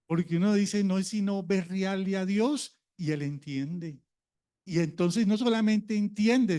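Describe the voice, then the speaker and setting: A man's voice: high voice, a little mellow. A man preaching a sermon, a pastor who talks in a conversational way and keeps asking the congregation questions.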